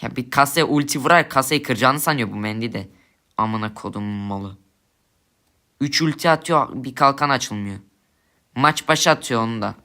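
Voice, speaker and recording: A man's voice: mid-range voice, normal speed, sharp tone. A young man giving angry gameplay commentary, swearing and ranting at his teammates in frustration. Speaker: gamer streamer.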